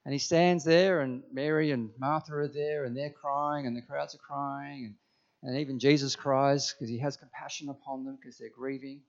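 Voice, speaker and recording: Man, pastor, sermon in a church, emphatic, questions to the room, middle pitch, dull lo-fi sound. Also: fairly even intonation, normal speed, creaky.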